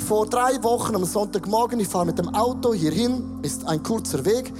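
An earnest pastor preaches from a church stage, voice in the middle of the range. Prayers and dialogue are acted out with conviction, and soft music plays faintly underneath. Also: mid-range voice, normal speed, in a large hall. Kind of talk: sermon.

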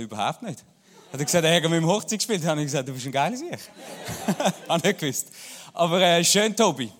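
A man in his thirties with a Swiss German accent, preaching a church sermon full of personal anecdotes and humor. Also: on the high side. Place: church hall. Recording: long hall reverb.

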